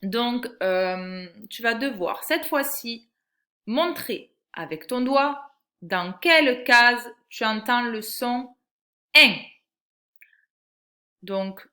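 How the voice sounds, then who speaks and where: A woman teacher giving a patient, clearly articulated reading lesson to a young child. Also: on the high side, expressive, extremely slow, bright, forceful tone.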